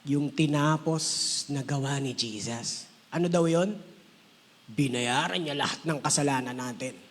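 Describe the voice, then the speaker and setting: A man's voice: mid-range voice, measured pace, in a large hall. A man pastor preaching a conversational sermon, mixing English phrases in and acting out quoted voices.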